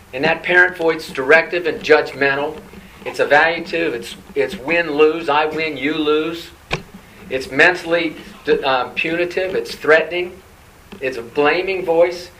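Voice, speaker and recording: Brief: male pastor, conversational sermon, fond of rhetorical questions, voice on the higher side. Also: pushed and bright, recorded from a distance, slight background noise, poor audio.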